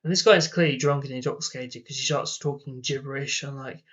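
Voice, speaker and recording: A man's voice: mid-range voice, fairly even intonation, brisk, a bit bright, muffled recording. A young man casually telling rambling personal stories, acting out the lines of the people in them. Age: young adult. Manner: rambling, acts out quoted dialogue. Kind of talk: casual storytelling.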